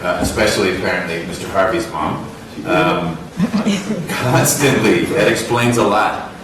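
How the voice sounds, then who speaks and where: A man presiding as judge over a court hearing, speaking in a measured, wry way with halting fillers. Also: fairly low pitch, animated. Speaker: trial judge. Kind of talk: courtroom proceedings. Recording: distant roomy courtroom audio with noise.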